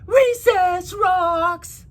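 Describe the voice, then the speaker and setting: A woman voicing an exuberant, loud young male shark pupil in a picture book, with over-excited, drawn-out exclamations. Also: very high voice, voice pushed up, heavily acted.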